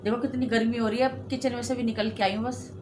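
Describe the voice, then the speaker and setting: A woman's voice: on the high side, fairly even intonation, fast, roomy sound, over music. A woman at home chatting and teasing from off camera during a family game. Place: home kitchen area.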